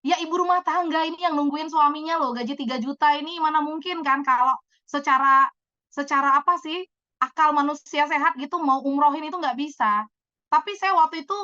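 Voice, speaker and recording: Woman, 30s, high voice, bright, chatty, animated storyteller, dry dull sound. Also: no echo. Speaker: business speaker answering questions. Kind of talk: casual talk-show answers.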